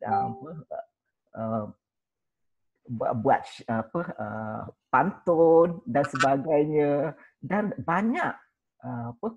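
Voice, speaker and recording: Guy on a panel, keeps stopping to find words, husky voice, bit dull sounding recording. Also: mid-range voice, a little mellow, dry recording. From Malaysia. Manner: hesitant, pauses often to search for words. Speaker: panel guest. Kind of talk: panel discussion.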